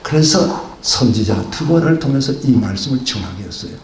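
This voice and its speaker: Animated male pastor preaching in an echoey hall. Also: medium pitch, moderate pace. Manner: animated, acts out biblical dialogue with rhetorical questions. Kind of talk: sermon.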